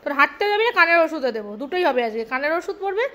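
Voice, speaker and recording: A woman's voice: high voice, lively intonation, rapid-fire, pushed and bright. A woman at home talking to her pet dog in a coaxing, mock-scolding baby-talk way. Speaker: dog owner.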